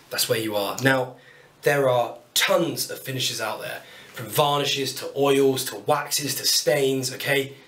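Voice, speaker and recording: Recorded from afar on a camera mic in his small home workshop, a man in his thirties from the United Kingdom casually shows off his woodworking tools, cheerful and poking fun at himself. His medium-pitched voice is a bit bright, and the room sounds roomy with the voice off-mic.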